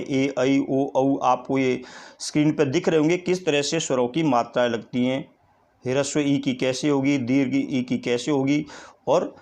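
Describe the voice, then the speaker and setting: Slow, deliberate Hindi teacher, a man. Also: medium pitch, darkish tone. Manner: slow, deliberate, repeats definitions and spells out letters one by one. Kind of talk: recorded classroom lesson.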